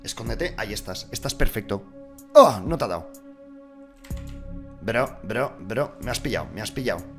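Excitable young man gaming, shouting. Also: on the low side, normal speed, pauses often, faint music behind. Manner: excitable, swings from muttering to shouting, swears a lot. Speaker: gaming YouTuber. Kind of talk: casual gameplay commentary.

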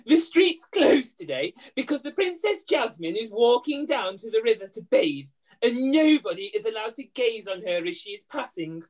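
A woman acts a pantomime dame, a poor put-upon laundry widow. The voice is high and swoops widely, with exaggerated, plaintive delivery aimed at an audience. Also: very animated, moderate pace, a little mellow. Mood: brisk, scolding. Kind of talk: hammy pantomime acting. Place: room at home, video call.

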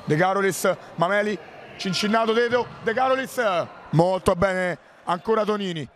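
A man giving excited, breathless live futsal commentary, shouting out plays and repeating his exclamations. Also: high voice, normal speed. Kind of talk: live sports play-by-play commentary. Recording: noisy indoor sports hall.

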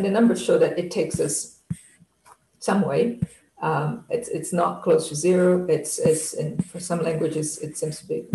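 A keynote speaker giving a technical lecture over slides on a video call, talking in a halting way with many restarts and fillers. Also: medium pitch, dark tone, roomy sound, slight background noise, rough recording. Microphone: video call webcam.

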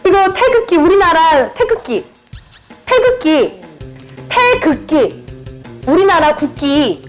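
High-voiced woman giving game clues. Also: slow pace, soft background music. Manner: animated, repeats words over and over. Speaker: channel host. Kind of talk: describing clues in a party guessing game.

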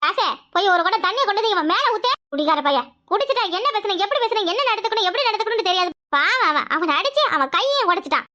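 A shrill, piercing old mother-in-law, played by a woman who rattles off her scolding at a quick clip. She wails and berates in a cartoon, her voice very high and bright. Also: sing-song, exaggerated voice. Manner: wailing, scolding, rapid-fire. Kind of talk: cartoon voice acting.

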